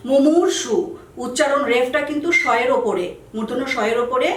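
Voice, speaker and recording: A woman's voice: high voice, normal speed, roomy sound, distant mic, low-quality recording. A woman teacher explaining spelling rules to students, carefully listing example words one by one and stressing key points.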